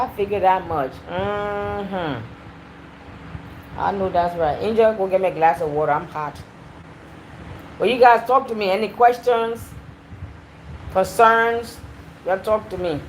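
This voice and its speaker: A woman hosting a casual livestream, chatty and animated as she talks straight to her viewers. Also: mid-range voice, normal speed, slight background noise, poor audio. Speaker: livestream host. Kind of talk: casual live-stream chat.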